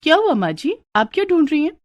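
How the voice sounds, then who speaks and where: A woman's voice: high voice, big pitch swings, quick pace, no echo, pitched above the performer's own voice. Woman doing a curious young daughter-in-law. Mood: inquisitive.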